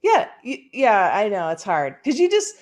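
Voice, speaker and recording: A woman's voice: medium pitch, normal speed. A woman co-hosting a podcast, chatting casually and agreeing often. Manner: agreeable, lots of yeahs, animated. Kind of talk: casual chat.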